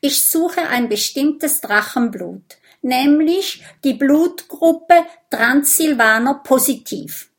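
A woman doing a small, fretful vampire boy in a storybook, his voice pitched well above her own, eager and a little breathless with worry. The reading moves slowly and carefully. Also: lively intonation, exaggerated voice. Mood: earnest. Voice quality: raised, boyish voice. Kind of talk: audiobook character voice.

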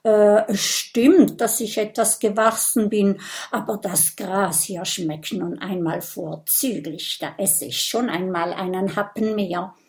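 A woman voicing a giant, gentle old male grass dragon who talks slowly and ponderously in a children's audiobook. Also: medium pitch. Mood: easygoing. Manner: slow, ponderous, clears his throat.

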